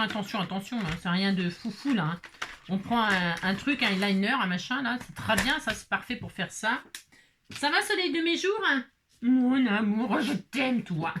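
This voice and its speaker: A woman's voice: fairly high pitch, bright, forceful tone, a little hiss or hum. A woman hosting a casual crafting tutorial, chatty and jokey, talking to her viewers and her pet as she works. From France. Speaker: craft video host.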